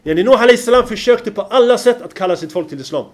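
A man giving a religious lecture, often pausing to check that his listeners follow and reciting Arabic verses in a chanting lilt. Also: sits high, lively intonation. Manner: keeps checking the listeners follow, with rhetorical questions. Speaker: preacher.

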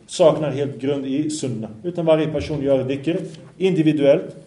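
Higher-voiced man teaching in an echoey room. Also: mellow. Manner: recites Arabic, then translates and explains; asks the listeners questions. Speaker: religious teacher. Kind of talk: Islamic study lesson.

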